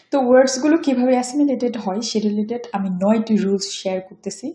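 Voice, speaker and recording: A woman giving an online pronunciation lesson, explaining rules and repeating each example phrase slowly several times. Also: on the high side, warm tone, roomy sound. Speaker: English pronunciation teacher.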